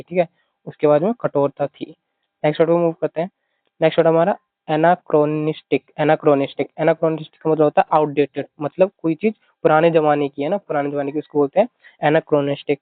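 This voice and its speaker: A man's slightly high, level voice moves briskly through a vocabulary lesson for exam prep, full of repetition, mnemonics, and frequent "theek hai." There's no echo, and the audio sounds thin and phone-like.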